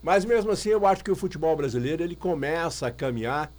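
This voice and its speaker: A man's voice: on the high side, animated, quick pace, over a noisy crowd. A man from Brazil talking football on the radio as a guest, emphatic and opinionated, repeating his points. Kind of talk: casual radio chat.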